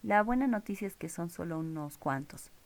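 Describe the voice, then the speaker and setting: A woman's voice: on the low side, lively intonation, normal speed. A woman teaching English grammar in a recorded lesson, explaining rules step by step and checking in with her viewers. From Peru.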